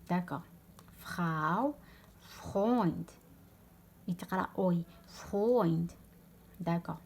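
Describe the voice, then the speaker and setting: A young woman with an Algerian Arabic accent teaching a German lesson, repeating example words slowly and dropping French words into her explanations. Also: medium pitch, a little hiss or hum. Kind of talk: online language lesson.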